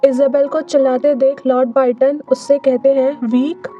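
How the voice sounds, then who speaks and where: A woman narrating a manhwa story recap in a steady storytelling way. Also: high voice, moderate pace. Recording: slightly dull recording, faint music.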